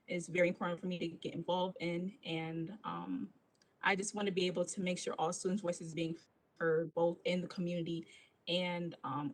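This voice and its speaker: A young woman from Buffalo, New York, with a fairly low voice gives a hesitant student campaign speech as a candidate, filling it with ums and other fillers. The recording quality is low.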